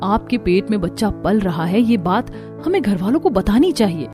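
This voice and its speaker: A woman's voice: medium pitch, very animated, normal speed, mellow, faint music behind, lightly acted. Woman doing an earnest young sister-in-law.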